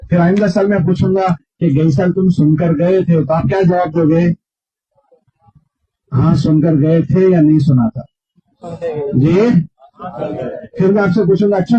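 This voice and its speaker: Husky preacher man, muffled recording. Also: high voice, fairly even intonation, measured pace, long pauses, warm tone. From India. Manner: asks the crowd questions and quotes imagined talk. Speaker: Islamic preacher. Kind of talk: sermon to students.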